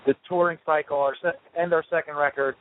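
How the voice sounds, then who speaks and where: A man in a band, talking casually over the phone from a tour RV, relaxed and rambling with lots of fillers. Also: on the high side, quick pace. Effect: heard over a phone line. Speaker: touring rock band member interviewed as guest. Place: tour RV on the road. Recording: tinny phone line.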